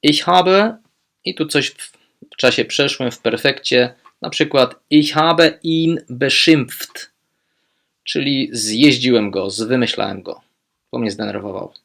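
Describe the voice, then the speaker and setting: A man teaching language, speaking German phrases slowly and clearly, then explaining them with quick asides. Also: medium pitch, fairly bright tone. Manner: slow, modelling German phrases deliberately, quick asides in Polish.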